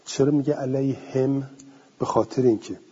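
A man's voice: mid-range voice, steady tone, warm tone, breathy edge. A male teacher giving a lecture, reading a passage aloud, then explaining it conversationally and answering his own questions. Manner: asks the class questions and answers them himself. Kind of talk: classroom lecture on a classical text. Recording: dull lo-fi recording with long hall reverb.

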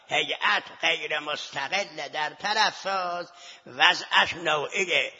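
Gravelly bright-voiced male lecturer. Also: on the high side. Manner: argumentative, poses rhetorical questions to the class. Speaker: seminary teacher. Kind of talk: scholarly lecture to students. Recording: lo-fi recording with long hall reverb.

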